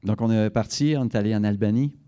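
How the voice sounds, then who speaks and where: A man's voice: fairly low pitch, fast, mellow. A man interpreting a guest speaker's talk into French for a church congregation, fluent with occasional self-corrections. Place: church service.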